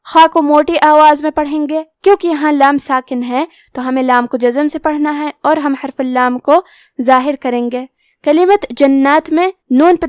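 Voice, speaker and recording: A woman teaching Quran recitation rules in a calm, methodical way, then chanting the verses slowly and drawn out. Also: high voice, dry recording, studio quality.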